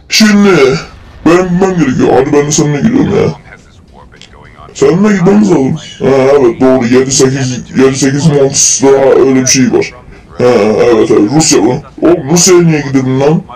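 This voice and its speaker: A man's voice: on the high side, darkish tone, rough recording. Rowdy young man fan-dubbing a cartoon. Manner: rowdy, exclaiming, swearing casually. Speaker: fan dub voice actor. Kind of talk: amateur comedic fan dub.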